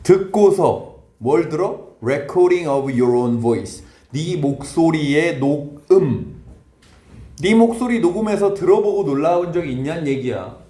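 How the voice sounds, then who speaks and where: A high-voiced man runs a brisk English grammar lesson in a reverberant classroom, firing questions at his students. He mixes Korean and English as he walks through each sentence. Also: animated, warm tone. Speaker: English teacher.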